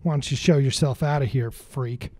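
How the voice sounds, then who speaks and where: A man's voice: medium pitch, moderate pace, warm tone, natural voice. A man voicing a hostile half-elf enforcer who sneers and interrogates. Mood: contemptuous.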